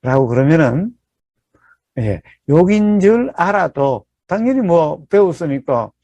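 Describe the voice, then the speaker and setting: A man teaches meditation in a slightly high, gravelly voice, speaking as in a Buddhist dharma talk. He builds his point step by step, asking rhetorical questions and checking in with his listeners. The sound is dry and close, with no room echo. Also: sing-song, unhurried, dark tone, lo-fi sound.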